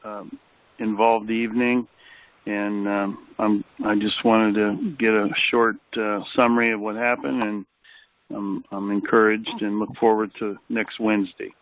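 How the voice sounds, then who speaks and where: Tired male caller giving a report, low, flat delivery, muffled phone sound. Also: a little slow, no room sound. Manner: flat, hesitant, many fillers. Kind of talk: casual chat. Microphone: telephone. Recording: dull phone line.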